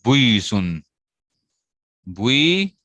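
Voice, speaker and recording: A man's voice: medium pitch, sing-song, extremely slow, pushed and bright, no echo, clean studio sound. A man teaching a grammar lesson to students, asking questions and answering them himself as he repeats the key points. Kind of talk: classroom lecture on Arabic grammar.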